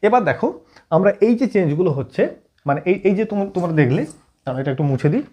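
A man teaching an English grammar lesson at a whiteboard, often checking in with his students and slowing down as he writes. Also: sits high, lively intonation, darkish tone. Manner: frequent check-in questions to students; writes on board while explaining, slowing down.

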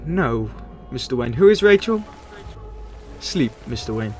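A man's voice: medium pitch, very animated, unhurried, darkish tone, far from the mic, soft background music, pitched below the performer's own voice. A man voicing a fussy male hospital orderly in a coaxing, sing-song voice.

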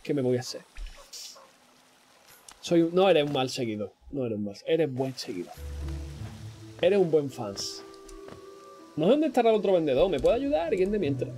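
A chatty young man from Spain with a Spanish accent, voice sitting high but warm and mellow. He talks loosely over a game stream, joking with viewers. Faint game music plays underneath. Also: very animated, normal speed, pauses often. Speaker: gaming streamer. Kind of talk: casual let's-play commentary.

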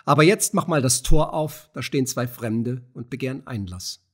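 A boorish, back-slapping drummer, as a male narrator plays him talks in a husky, bluff tone from a spoken storybook. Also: mid-range voice, animated, normal speed. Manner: bluff, coarse.

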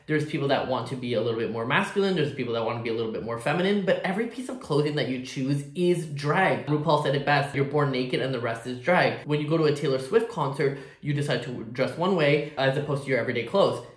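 A man with a sassy, expressive drag queen manner, giving casual reaction commentary in an indoor room. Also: mid-range voice, quick pace, hardly any pauses, reverberant. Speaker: drag performer reacting to a video. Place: indoor room at home, with hard walls.

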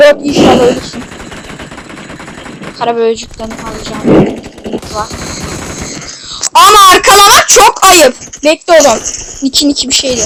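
A woman giving casual commentary while playing a mobile shooter game, excitable with loud outbursts and playful swearing, on a phone mic. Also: on the high side, noisy background.

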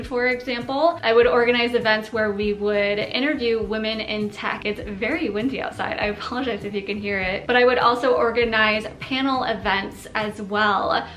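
A woman's voice: mid-range voice, a bit bright, reverberant. A woman in her thirties, chatting long-windedly and upbeat in a casual Q&A vlog at home. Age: 30s. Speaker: YouTuber. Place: living room by a window.

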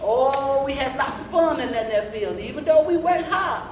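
In a gospel stage play performed by amateurs, a woman takes the role of an old grandmother who once worked the fields, delivering a storytelling monologue in a high, animated voice at a moderate pace. She drawls, scolds and rambles in a folksy, tired way, calling her listeners "baby." A camera several metres off picks her up from the church sanctuary stage of a mid-sized, roomy hall, with audience noise around her.

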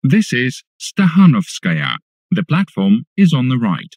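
A man reads recorded subway announcements slowly and deliberately. His formal voice rises and falls very widely in pitch, with a dry, close sound. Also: huge pitch swings, a little mellow, breathy edge, no room sound. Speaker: English-language metro announcer.

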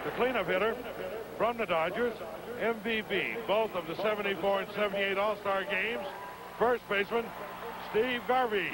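Over a stadium public address system at an outdoor ballpark, a high-pitched man introduces the players. He speaks slowly and deliberately, leaving long, drawn-out pauses between names. The 1980 broadcast carries loud crowd noise.

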